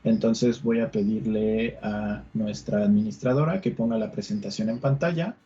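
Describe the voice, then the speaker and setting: A man's voice: lowish voice, mellow. A man with a Mexican accent formally introducing a panel as moderator, hesitating often, on dull webinar audio. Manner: formal, hesitant with frequent pauses. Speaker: forum moderator.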